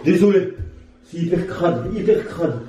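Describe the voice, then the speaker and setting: A man's voice: high voice, animated, unhurried, mellow, far from the mic, dull audio, soft background music. A man talking casually while doing push-ups in a workout challenge, with effort in the voice as the reps are counted. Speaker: fitness challenge host. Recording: echoey room.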